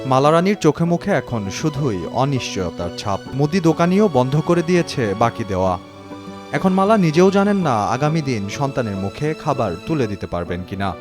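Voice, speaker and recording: A man's voice: mid-range voice, big pitch swings, normal speed, over music. A man with a Bangladeshi accent reading a scripted news report as a reporter.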